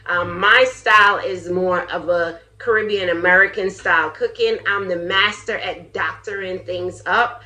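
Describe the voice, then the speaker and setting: A woman's voice: lowish voice, fairly even intonation, a little slow, hardly any pauses, bright, forceful tone. A middle-aged woman from Jamaica hosting a casual cooking vlog, chatty and candid, laughing often as she talks. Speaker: vlogger, channel host.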